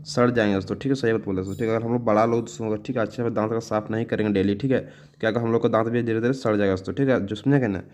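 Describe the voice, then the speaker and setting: A man's voice: fairly low pitch, steady tone, darkish tone. A man teaching exam answers, with the habit of saying "okay" after nearly every sentence and restarting words as he reads questions out. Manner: fast, repetitive, calls listeners "friends" and "children"; stumbles and restarts words while reading questions. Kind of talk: exam solution lesson.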